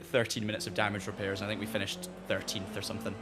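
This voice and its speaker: A man with a soft, fairly neutral Highland Scottish accent, chatting casually as he hosts a sim racing livestream. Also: monotone, rapid-fire, vocal fry, over loud music. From Scottish Highlands, north of Inverness. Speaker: livestream host and sim racer. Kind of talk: casual livestream chat while gaming.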